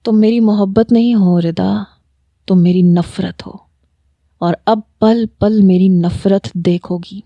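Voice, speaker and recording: A woman's voice: medium pitch, fairly even intonation, no room sound, highs cut off, natural voice. A woman voicing an arrogant, rude young husband who speaks coldly and menacingly. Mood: cold contempt.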